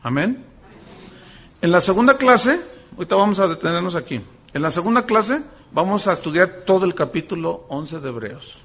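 A man's voice: high voice, moderate pace. A male pastor preaching a sermon, telling a story and acting out the voices in it. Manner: animated, acts out voices in anecdotes. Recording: dull lo-fi sound.

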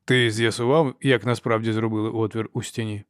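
A man's voice: on the low side, flat delivery, a little fast, dry recording, close to an everyday voice. A man voicing a stern old male churchman who speaks in dry, clipped questions. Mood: cold, impatient. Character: old stern male archlector, cold and imperious.

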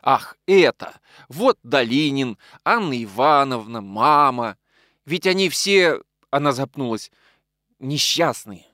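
A man's voice: medium pitch, lively intonation, slow, sharp tone, no echo, clean studio sound. A man reading an audiobook, voicing a tender, emotional young woman in an earnest, pleading tone. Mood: gentle.

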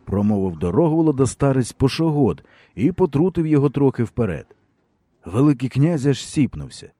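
A male audiobook narrator telling a historical novel in a measured, expressive way. His tone is dark and mellow, and his pitch moves freely. The sound is dry and close. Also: no room sound.

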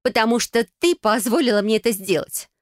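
For an audiobook, a female narrator puts on a smug, taunting young cousin with a high, bright voice, speaking a little fast in a way close to her everyday voice. The mood is bitter, carried by steady, cutting mockery. It's a dry, close recording with no room around it.

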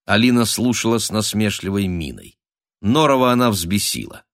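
A man narrating a mystical period thriller as an expressive audiobook reader. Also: on the low side, moderate pace, no echo, clean studio sound. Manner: expressive, dramatic storytelling.

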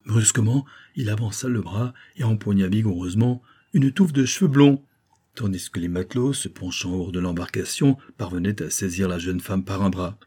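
A man narrating an old serial novel as an audiobook, in a theatrical, lively storytelling manner. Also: on the low side, normal speed, breathy edge.

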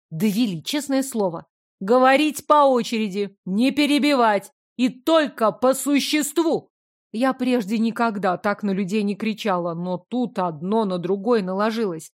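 A woman narrating an audiobook in the first person, with lively, expressive storytelling. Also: medium pitch.

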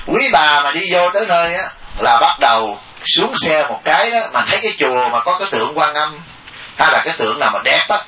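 A monk giving a dharma talk, animated and joking, often mimicking laypeople. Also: male voice, on the high side. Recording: distant echoey lo-fi recording.

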